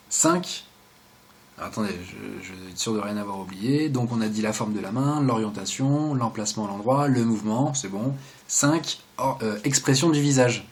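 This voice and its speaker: A young man giving a casual, joking video lesson, explaining step by step and often trailing off into quiet asides. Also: medium pitch. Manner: chatty, joking asides, drops to quiet mumbles. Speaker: video host teaching sign basics.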